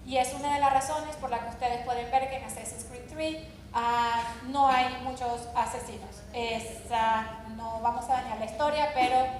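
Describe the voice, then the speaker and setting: A woman giving an informal, explanatory conference presentation, pausing now and then to search for her words. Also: fairly high pitch. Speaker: game company presenter. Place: large event hall. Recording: very echoey hall with faint noise.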